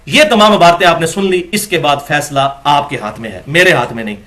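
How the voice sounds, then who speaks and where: A man giving an argumentative religious lecture, reading quotations from books and reciting verses slowly. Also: on the high side, expressive, pushed and bright. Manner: argumentative, reads quotes aloud and recites scripture slowly. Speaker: religious scholar.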